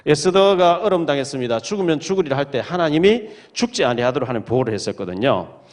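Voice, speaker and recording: A man preaching in a church, his fairly high voice rising and falling with lively swings. He reads the verses aloud and retells the stories with plenty of drama. Sermon delivery with an audience in mind. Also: fast. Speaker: pastor. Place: church sanctuary.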